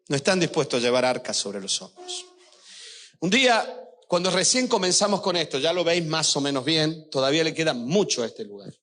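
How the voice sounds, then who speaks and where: Speaking straight to his congregation, an older man gives an emotional sermon full of personal stories, his voice on the high side and slightly bright.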